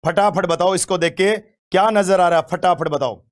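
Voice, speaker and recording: A man's voice: high voice, moderate pace. A man teaching English vocabulary in an online exam-prep lesson, playful and teasing, repeating words again and again and chatting to his students. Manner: addresses students as "bachche", chatty.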